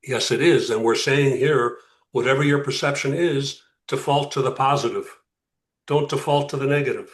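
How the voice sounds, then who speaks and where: A man lectures as a rabbi to a class, heard from a distance in an echoey room. His mid-pitched voice moves deliberately, with pauses and rhetorical questions. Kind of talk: interactive religious lecture.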